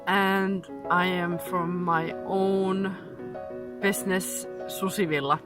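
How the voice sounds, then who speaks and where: A woman from Lapland, Finland, a textile designer speaking thoughtfully about her business, with hesitant pauses and fillers. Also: fairly low pitch, steady tone, music in the background. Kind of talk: interview testimonial.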